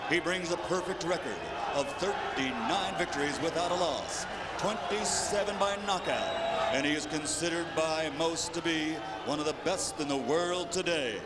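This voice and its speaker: A man works as a boxing ring announcer with a fairly high, projected voice. He builds grandly like a lucha libre announcer, stretching titles and names into shouts. A huge, noisy arena crowd surrounds him. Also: normal speed. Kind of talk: booming ceremonial fight introductions, like a lucha libre announcer. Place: large indoor arena over public address. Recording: loud crowd noise in a sports arena.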